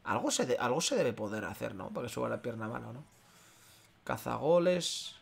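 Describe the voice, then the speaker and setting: A man's voice: mid-range voice, very animated, a little fast, vocal fry, husky. A man streaming a football career mode game, chatting casually with viewers, swearing and breaking into mock rants at chat. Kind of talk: casual gaming commentary to chat.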